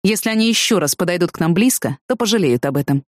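A matter-of-fact young man speaks in a flat, understated way, voiced by a woman narrator. The reading is close and dry. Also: lowish voice, fast talker, no echo, natural voice.

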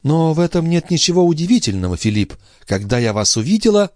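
Man doing a fragile young sister, nervous, breathless, high exclaiming voice, swooping pitch, dry close sound. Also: very animated, fast talker, darkish tone, dry recording. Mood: agitated, fluttery.

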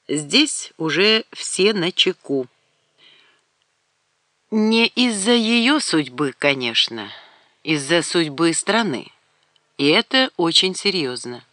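A woman reading a novel aloud in a measured, even narration. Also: fairly low pitch, no echo, clean studio sound. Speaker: audiobook reader.

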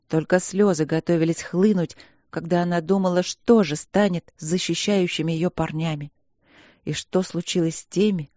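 A man reading a fantasy audiobook in a calm, measured narration. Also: a little high, dry recording, lo-fi sound.

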